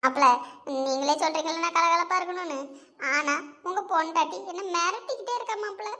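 A woman's voice: very high-pitched, fairly quick, bright, forceful tone. A woman voicing a confused, frightened middle-aged mother-in-law in a cartoon, whiny and pleading. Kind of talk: cartoon voice acting.

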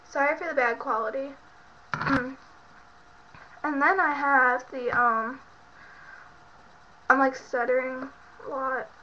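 In a muffled, lo-fi webcam recording with slight background noise, a young beauty vlogger sits in her bedroom doing a casual product show-and-tell. Her voice sits high and sounds congested, since she's sick, and she rambles with many fillers. The sound comes from the built-in webcam mic.

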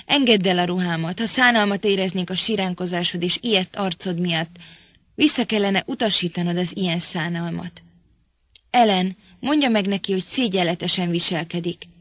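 A woman's voice: on the low side, fairly bright tone, no echo, clean studio sound. A woman reading an audiobook, voicing a proud, impatient young woman who talks sharply and scolds. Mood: scornful.

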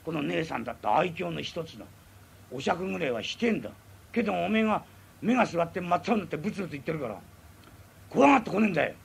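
A man voicing an easygoing townsman who coaxes and chides his drinking companion in rough, teasing Tokyo speech, in rakugo storytelling. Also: on the high side, animated, quick pace, exaggerated voice. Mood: coaxing. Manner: coaxing, teasing banter in rough Edo speech.

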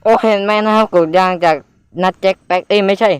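Excitable young man fishing outdoors. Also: sits high, fast talker, clean tone, no room sound. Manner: excitable, exclaiming, swearing, talking to the camera. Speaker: fishing vlogger. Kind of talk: live fishing commentary to viewers. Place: outdoors by the water. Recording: outdoor with faint background noise.

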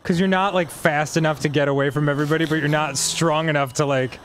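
A young adult man co-hosting a gaming session in casual commentary, excitable and swearing, often yelling in frustration. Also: fairly high pitch, fast talker, a little hiss or hum. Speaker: let's play co-host.

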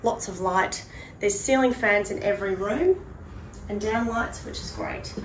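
Walking through hard-surfaced apartment rooms, an Australian woman casually narrates a prize home tour in a mid-range voice, a little slowly. Her words echo around the rooms, caught by a distant mic over background noise.

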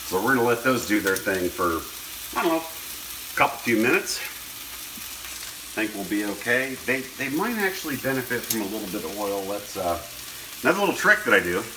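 A man with a fairly low voice hosts a casual home cooking demo in an indoor kitchen, talking in a laid-back, offhand way as he works. He's very animated at a normal speed but takes long pauses. The room is echoey, and frying sizzle and stirring are clearly heard in the background.

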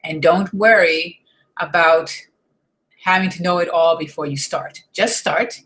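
Through a desk webcam in an indoor home room with a desk and shelves, a US woman in her thirties, an online marketing vlogger, delivers a sincere motivational talk, often restarting what she's saying. She speaks unhurriedly in a fairly low, fairly bright voice. The recording quality is poor.

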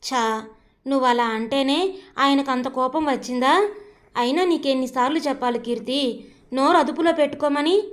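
A woman voicing a worried older brother who scolds his sister in hushed tones. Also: sits high, moderate pace, long pauses, close to an everyday voice. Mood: reproving.

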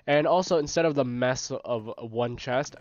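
A man with a stuffy nose giving casual, rambling gameplay commentary as the host of his own gaming channel, often correcting himself and getting excited. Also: mid-range voice, moderate pace, no room sound. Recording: dry, slightly dull home recording.

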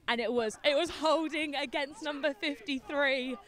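A woman's voice: high-pitched, normal speed, a bit bright. A woman doing live, chatty play-by-play commentary at an outdoor game, often laughing and correcting herself. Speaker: student sports commentator. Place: outdoors at a sports field. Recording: live crowd in background.

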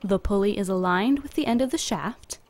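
A woman reading a scripted instructional voice-over in an even, measured, step-by-step manner, recorded apart from the pictured workshop. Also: medium pitch, dry recording. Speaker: company video narrator.

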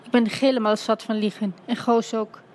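A lady playing an eager little mummy boy, high and squeaky, mangles his words. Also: fairly even intonation, normal speed, a little mellow, lightly acted. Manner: eager, speaks in broken grammar. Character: young boy mummy prince, excitable, broken Dutch.

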